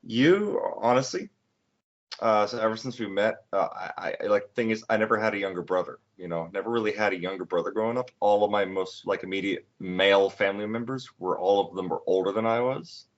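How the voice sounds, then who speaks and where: A man in his twenties hosting a casual podcast chat, talking in halting bursts with many restarts. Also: lowish voice. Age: 20s. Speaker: podcast host. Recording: dull lo-fi recording.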